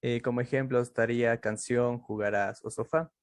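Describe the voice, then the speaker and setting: A man presents to his class in a mid-pitched voice, reading at a steady pace with an occasional filler. The sound is dry and close, with no room echo. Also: moderate pace. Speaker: student presenter.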